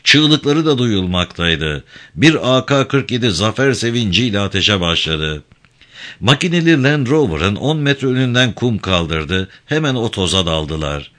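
Bright-toned male audiobook narrator. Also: lowish voice, very animated. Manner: dramatic measured reading.

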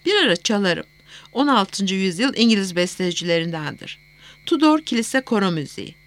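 A woman's voice: mid-range voice, very animated, moderate pace, a bit bright. Woman reading as a curt, controlling rich young man. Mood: clipped. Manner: curt, clipped commands.

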